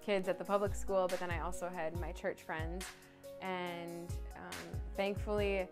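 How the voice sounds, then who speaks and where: A young woman from Minnesota gives a halting personal testimony, pausing often with little fillers. Her voice sits a touch low. Music plays clearly beneath her words. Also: little pitch movement. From Minnesota, United States. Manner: halting, with frequent ums. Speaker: guest. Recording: music clearly audible behind the voice.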